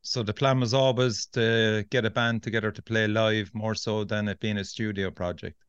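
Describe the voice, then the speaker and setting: A man's voice: on the low side, steady tone, normal speed, smooth, no room sound, muffled recording. An Irish-accented man hosting a podcast in a casual, matey, enthusiastic way. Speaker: podcast host.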